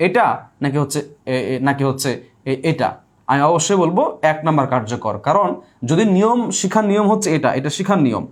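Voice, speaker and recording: Male tutor, slightly high voice, drills points by repetition and call-and-response questions. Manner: repeats key points and quizzes listeners with quick questions. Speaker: teacher. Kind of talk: online exam-prep grammar lesson.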